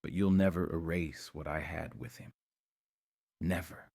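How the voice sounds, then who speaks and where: A frightened young sailor who refuses to back down, put on by a male narrator. He speaks steadily and defiantly in a deep, slow voice with a dry, close sound. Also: fairly even intonation, creaky, darkish tone, no echo, exaggerated voice.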